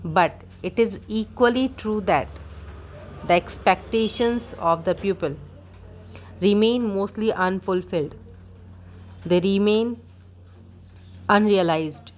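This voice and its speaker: Woman dictating slowly, with measured pauses. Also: mid-range voice, a little hiss or hum. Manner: slow, measured dictating in short, separated phrases. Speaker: dictation reader for shorthand practice. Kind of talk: dictating a speech for steno practice.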